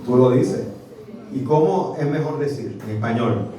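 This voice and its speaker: A Puerto Rican man giving a lively public talk as a professor, quizzing his audience as he goes. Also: medium pitch, measured pace, slight background noise. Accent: Puerto Rican Spanish. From Puerto Rico. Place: restaurant event space. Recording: echoey venue, mic from a distance.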